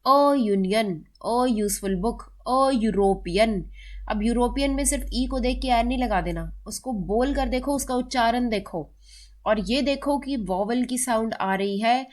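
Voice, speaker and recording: A woman teaching English grammar in a mix of Hindi and English, who often checks in with her students and slows down to read examples aloud. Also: on the high side, darkish tone. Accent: Indian English. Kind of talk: explaining grammar in a classroom-style lesson.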